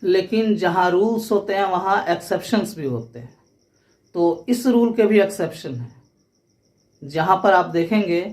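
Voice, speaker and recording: A woman's voice: lowish voice, darkish tone. A woman teaching English pronunciation, explaining rules step by step and spelling words out letter by letter.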